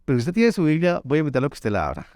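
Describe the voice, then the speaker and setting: A man preaching a sermon as pastor, swinging between loud pleading and soft low tones. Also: huge pitch swings, very fast, dry recording, studio quality. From Colombia.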